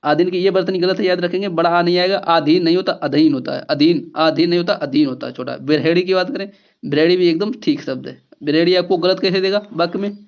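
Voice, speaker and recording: A man's voice: high-pitched, fast. Guy teaching exam grammar, keeps repeating stuff and quizzing, kinda dull lo-fi sound. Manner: explains step by step, repeats key words, asks rhetorical questions. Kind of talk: exam-prep lesson.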